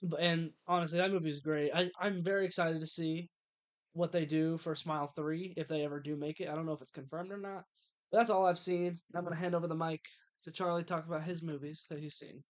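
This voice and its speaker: A young male podcast co-host, his voice a little high with fairly even intonation, talks fast in a casual movie review chat. He's eager and enthusiastic, tripping over his words and restarting sentences.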